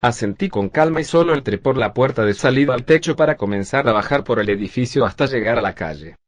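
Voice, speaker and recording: A male text-to-speech voice narrating a first-person zombie story in a steady, even reading. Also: medium pitch, fast talker.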